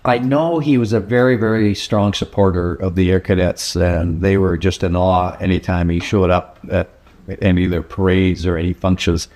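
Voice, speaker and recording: A man calmly retelling a veteran's story as a documentary narrator. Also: low voice, moderate pace.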